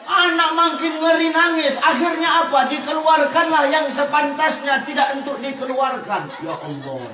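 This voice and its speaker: A man's voice: very high-pitched, animated, moderate pace, hardly any pauses, noisy background. A man preaching a humorous sermon, telling stories animatedly and acting out voices. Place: religious gathering with a laughing audience. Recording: echoey PA sound from far off, crowd laughing.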